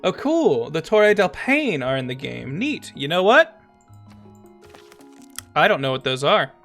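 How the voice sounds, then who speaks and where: A man streaming a strategy game, chatting casually, thinking aloud, talking to his chat, and sometimes reading game text aloud slowly. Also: a little high, very animated, a bit bright, soft background music. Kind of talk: casual gameplay commentary.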